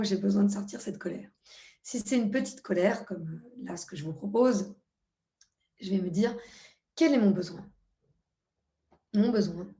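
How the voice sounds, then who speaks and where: Calm French-speaking woman guiding a tutorial. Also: medium pitch, roomy sound. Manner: calm, guiding, with frequent hesitations. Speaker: EFT practitioner. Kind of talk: spoken tutorial.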